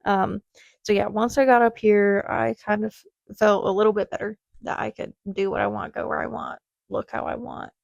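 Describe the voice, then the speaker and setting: Woman, twenties, podcast host, casual storytelling, rambling tangents, vocal fry, dry close mic. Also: mid-range voice, steady tone, normal speed, dry recording, highs cut off. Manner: chatty, rambling, self-deprecating with frequent tangents.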